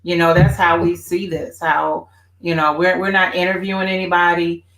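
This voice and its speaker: A woman's voice: on the low side, level tone, normal speed, fairly bright tone. A woman co-hosting a family faith talk show, chatting reflectively and agreeing with her partner, with many "you know" fillers. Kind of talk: casual conversation. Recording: roomy echo.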